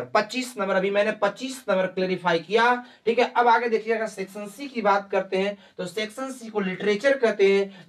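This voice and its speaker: A man's voice: sits high, a bit bright, distant mic. A man teaching a class lesson, often asking rhetorical questions and repeating his points.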